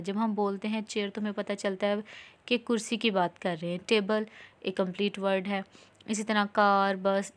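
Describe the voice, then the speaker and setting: Female teacher, Pakistani accent, mid-pitched, explains exam answers step by step with plain patient delivery. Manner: reads English slowly, explains in Hindi-Urdu with English terms.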